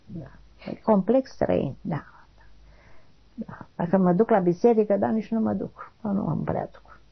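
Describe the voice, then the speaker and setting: A woman, being interviewed for an oral history, talking haltingly, repeating short affirmations and trailing off quietly. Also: medium pitch, creaky, husky. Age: 80s. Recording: dull lo-fi recording.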